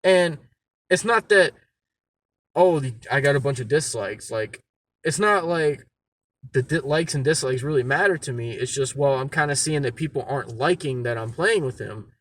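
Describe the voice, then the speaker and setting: A man's voice: mid-range voice, a bit bright. A man, giving a blunt, exasperated, swearing rant to camera from inside a car. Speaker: YouTuber addressing his audience.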